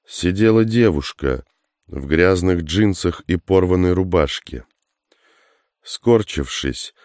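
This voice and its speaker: Male audiobook narrator, very low and unhurried, measured delivery, dry booth sound. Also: smooth, no echo. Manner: measured, even reading. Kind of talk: scripted narration.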